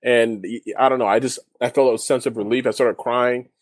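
A man's voice: medium pitch, fairly even intonation, brisk, no echo, clean studio sound. A man, a guest in a casual interview, telling his story in a rambling way with many restarts. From Canada. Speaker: guest, former overseas basketball player.

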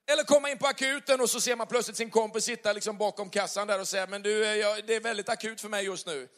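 A man's voice: high voice, fairly even intonation, fairly bright tone. A man preaching a conversational sermon, chatty and full of acted-out little dialogues. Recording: long hall reverb.

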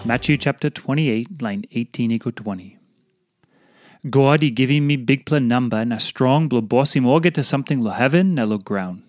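A man with a Papua New Guinean accent reads a devotional in Tok Pisin pidgin. His voice sits at a medium pitch in a dry, close recording. He delivers the script earnestly, one short phrase at a time. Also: moderate pace, darkish tone, no echo, soft background music. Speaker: devotional reader.

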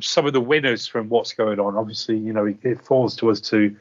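A man's voice: mid-range voice, muffled recording. A man speaking as a guest strategist, giving unscripted market commentary in a hesitant, hedging way. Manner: hesitant, hedging, repeats words as he thinks. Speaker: investment strategist, interview guest.

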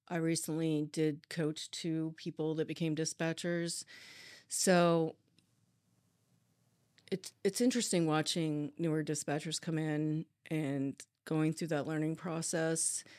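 A police dispatcher answers interview questions openly and reflectively, often stopping and restarting. Her voice sits low with a dark tone, and there's no echo.

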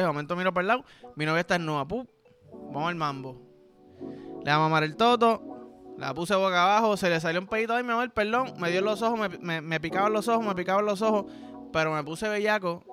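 A Puerto Rican man with a high voice tells raunchy comic stories on his podcast. He piles on slang and acts out little scenes with sudden yelps. A faint bed of music sits behind him. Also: bright, forceful tone. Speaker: podcast host. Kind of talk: crude comic storytelling.

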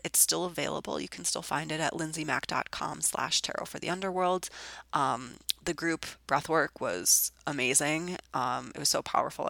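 Sick lady podcaster, super gravelly hoarse voice, dry close mic, lots of ums and likes. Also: sits low, sharp tone, no room sound. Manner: rambling, with frequent ums and likes. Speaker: podcast host. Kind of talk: casual solo podcast chat.

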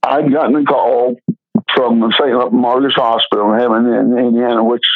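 Older male pastor, folksy storyteller, husky voice, dry phone-line sound. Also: medium pitch, fairly even intonation, moderate pace, no room sound. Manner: folksy, rambling anecdotes with frequent fillers. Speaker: retired pastor and memoir author. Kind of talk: storytelling in an interview.

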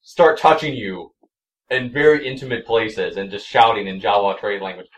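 A man with a low voice runs a tabletop game, narrating scenes and explaining rules in a relaxed way. He sits some distance from the mic. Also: moderate pace. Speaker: game master.

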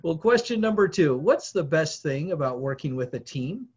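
A man's voice: a little high, sing-song, normal speed, darkish tone, husky, muffled recording. A man hosting a podcast, reading set questions and giving short, affirming replies. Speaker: podcast host. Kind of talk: scripted interview questions.

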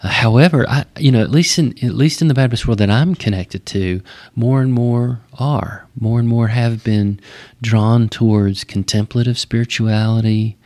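A man with a West Texas twang, explaining things conversationally and thoughtfully like a pastor, often pausing mid-phrase. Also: medium pitch, a little mellow. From West Texas, United States. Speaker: Baptist pastor.

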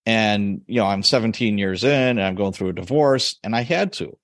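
A man's voice: on the low side, a little fast, dry recording, clean studio sound. A man in his forties hosting a podcast, chatting casually and laughing often as he tells stories. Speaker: podcast host. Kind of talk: casual interview chat.

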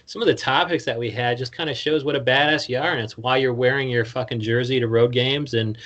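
A man's voice: mid-range voice, fairly even intonation, brisk, a bit bright, lo-fi sound. A man hosting a casual interview podcast, talking in slangy, swear-filled, run-on questions. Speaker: podcast host.

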